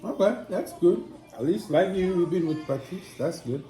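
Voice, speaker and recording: A man from Congo chatting casually over a meal, quick to tease and disbelieve. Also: high voice. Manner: animated, incredulous teasing. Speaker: mukbang co-host. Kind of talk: casual chat while eating. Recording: roomy echo with music behind.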